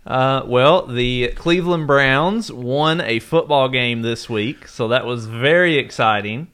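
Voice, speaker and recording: A man co-hosting a casual podcast, self-deprecating and halting, telling nerdy jokes at a desk mic. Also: mid-range voice, fairly bright tone, clear, resonant tone. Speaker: podcast co-host. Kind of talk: casual chat.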